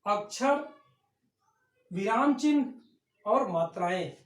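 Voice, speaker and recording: A woman's voice: medium pitch, lively intonation, slow pace. Echoey-voiced woman teaching an online class. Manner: explains by asking questions and answering them herself. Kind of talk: online lecture on Hindi phonetics. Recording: echoey room.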